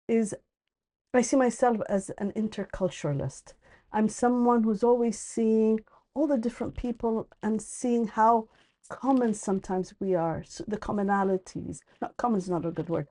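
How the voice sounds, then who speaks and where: A middle-aged woman with a mellow, dark-toned voice talks as a podcast guest. She speaks thoughtfully, pausing and restarting as she gathers her words. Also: medium pitch. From born in Ethiopia, raised in the UAE. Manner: thoughtful, hesitant, restarts and fillers. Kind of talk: casual conversational interview.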